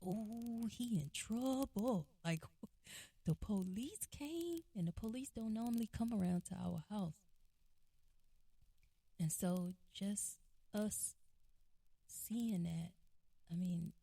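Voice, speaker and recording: A woman's voice: on the low side, gravelly, dark tone, breathy edge, no room sound. A woman telling a family story in a casual, rambling way, with restarts and quoted voices. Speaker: guest recounting a family memory.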